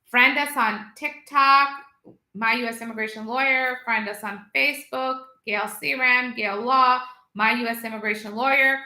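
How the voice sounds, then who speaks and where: A woman from Guyana, a lawyer hosting a live video question session from her office, answering viewers briskly and reading out phone numbers slowly. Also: on the high side, pushed and bright, echoey room, low-quality recording. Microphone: video call setup.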